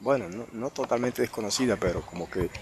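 A man's voice: mid-range voice, a little fast, a crowd in the background. A man leading an online Bible study, reading verses aloud and then commenting on them, often checking with his listeners and thinking aloud with restarts. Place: online group meeting.

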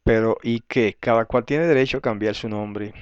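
Guy teaching bible study, smooth clear voice, chatty, keeps asking right?, clears his throat a lot. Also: lowish voice, normal speed, no room sound, dull audio. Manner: conversational, tag questions, frequent throat clearing.

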